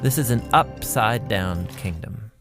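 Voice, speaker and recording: Speaking a little slowly in a fairly low-pitched voice, a man gives scripted but conversational explanations with emphatic phrasing as co-host of an educational Bible video series. Clear background music runs beneath his speech.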